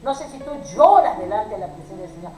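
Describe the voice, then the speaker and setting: A woman's voice: mid-range voice, very animated, fast, darkish tone, roomy sound, faint music behind, low-quality recording. A woman preaching a sermon to a women's group, pleading and emotional, addressing her listeners as sisters.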